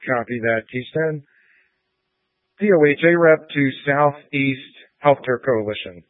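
A man's voice: medium pitch, unhurried, no echo. A man running a radio roll call as net control, speaking in clipped radio protocol over a two-way radio. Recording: tinny dry radio transmission.

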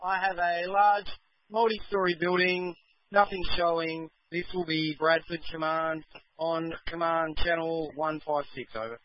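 Fire officer on a static-bursting two-way radio, flat clipped delivery, slightly raised pitch, dull lo-fi sound. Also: male voice, measured pace. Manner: clipped, formal call-and-report phrasing. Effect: two-way radio transmission with static bursts. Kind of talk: radio procedure talk.

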